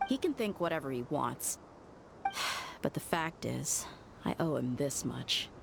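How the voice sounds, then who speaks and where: A woman's voice: low-pitched, very animated, unhurried, gravelly, background noise, exaggerated voice. An actress playing a tough, resolute young woman mercenary in a video game, firm and blunt yet loyal. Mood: defiant, confident. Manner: firm, blunt, matter-of-fact. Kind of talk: dramatic video game dialogue.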